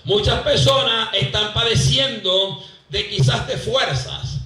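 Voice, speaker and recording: A man from Venezuela preaching a fervent church sermon, his voice sitting high and bright. He keeps repeating phrases and calls on the congregation to respond. The sound is heard from far off in an echoey hall. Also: takes it slowly. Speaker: pastor.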